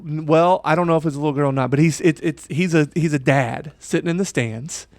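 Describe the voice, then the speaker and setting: A man's voice: on the high side, a little fast, darkish tone, no echo. A middle-aged man with a Kentucky accent hosting a casual podcast, eager and tripping over restarts. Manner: enthusiastic, stumbling restarts. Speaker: podcast host. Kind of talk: casual chat.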